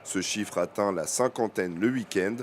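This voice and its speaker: A man presenting and narrating local television news reports in a measured, scripted way. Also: fairly low pitch.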